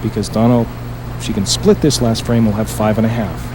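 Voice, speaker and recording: A man giving measured, analytical bowling commentary in the restrained manner of a golf commentator. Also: on the low side, fairly even intonation. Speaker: five-pin bowling colour commentator. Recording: noisy bowling alley broadcast.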